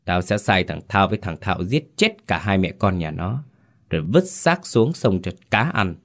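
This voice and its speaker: A man voicing a cruel, cold older village landlord who speaks slowly and threateningly in a ghost story. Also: deep voice, very animated. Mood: menacing.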